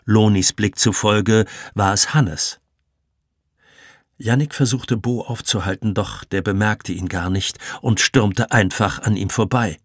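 Slow, low-voiced male audiobook narrator. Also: steady tone, no room sound, studio quality. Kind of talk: scripted narration.

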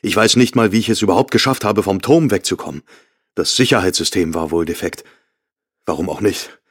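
A man's voice: low voice, a little fast, breathy edge, no room sound, studio quality. A man voicing a nervous young husband who gives hissed, urgent orders in an audiobook reading. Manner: hissing, urgent and clipped. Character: nervous, driven young husband fleeing at night.

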